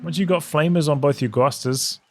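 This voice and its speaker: A man giving relaxed, analytical play-by-play commentary on a strategy game replay, thinking aloud as the match unfolds. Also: on the high side, fairly quick. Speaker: game caster. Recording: game battle sounds over the voice. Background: game gunfire and artillery.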